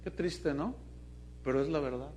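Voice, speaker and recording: A man's voice: fairly high pitch, normal speed, darkish tone, slight background noise. A man with a Mexican accent preaching a sermon to his congregation, emphatic and full of questions to the listeners. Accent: Mexican Spanish. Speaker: pastor.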